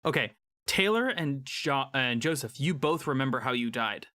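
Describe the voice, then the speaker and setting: A man's voice: mid-range voice, animated, normal speed, background noise. A man running a tabletop game as game master, easygoing and encouraging. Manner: easygoing, encouraging, laughs often.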